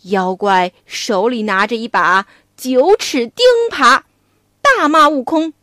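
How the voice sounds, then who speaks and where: A woman telling a children's story in a slow, expressive, animated way, recorded on a close mic. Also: a little high, no room sound.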